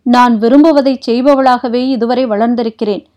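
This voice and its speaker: A woman's voice: on the high side, fairly even intonation, normal speed, warm tone, lightly acted. A woman voicing a proud, fiery young princess who speaks sharply and defiantly, read for an audiobook. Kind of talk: audiobook character reading.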